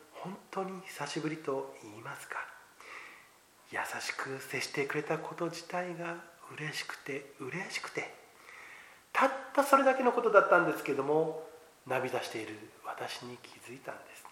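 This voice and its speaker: A man preaching a sermon, shares personal testimony earnestly, then drops to near-whispers and rises to loud emphasis. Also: fairly high pitch, animated, normal speed. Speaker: pastor.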